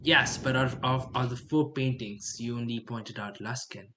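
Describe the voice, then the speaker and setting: A tabletop game player talking casually, halting with many ums and restarts. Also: mid-range voice, bright, forceful tone, slight background noise.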